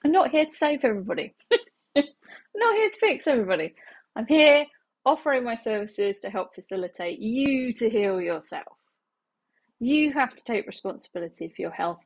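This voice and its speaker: Husky, lively-voiced woman chatting to camera. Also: fairly high pitch, moderate pace. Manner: chatty, laughs often, gestures with hands. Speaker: healing practitioner. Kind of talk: casual talk to camera. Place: small home living room, indoors.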